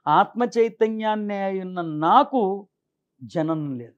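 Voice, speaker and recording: A man explaining scripture in an interview, reciting verses slowly and then answering his own questions. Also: high-pitched. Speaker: spiritual teacher, interview guest. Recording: dull lo-fi sound.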